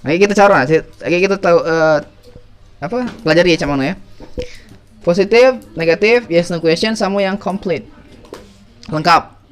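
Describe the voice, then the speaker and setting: A man's voice: sits high, moderate pace, long pauses. A man teaching a class, playful and calling on students by name. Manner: playful, calls on students by name, asks questions. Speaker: English teacher. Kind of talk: classroom review lesson.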